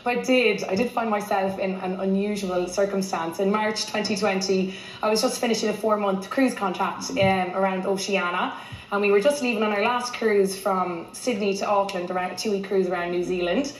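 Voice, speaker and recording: A woman's voice: medium pitch, fairly even intonation, a little fast, slight background noise. A young woman with a west of Ireland accent, chatting as an interviewed contestant on a live stage. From County Mayo, Ireland. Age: young adult. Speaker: contestant being interviewed, musician. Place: large indoor televised stage. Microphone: clip-on lapel mic. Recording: echoey large stage venue.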